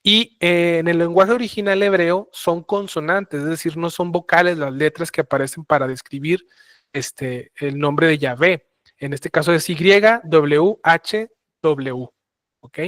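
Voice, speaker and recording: A man teaches a Bible passage in a sermon style. His voice sits a little high and the sound is dry and close. He explains patiently, stumbling over restarts and fillers. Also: a little slow, a bit bright, no echo. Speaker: preacher.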